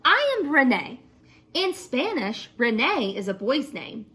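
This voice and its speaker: Bright, animated woman teacher reading aloud. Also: sits high, slow. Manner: expressive, asks children questions. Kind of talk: reading a picture book aloud, then a class discussion.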